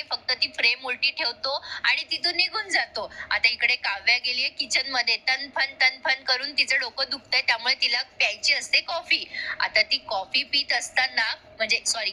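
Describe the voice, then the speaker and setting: A woman's voice: sits high, normal speed, hardly any pauses, bright, forceful tone. A woman retelling a TV serial episode in a chatty recap, talking straight to her viewers. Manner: chatty, addresses viewers directly. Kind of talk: casual storytelling recap.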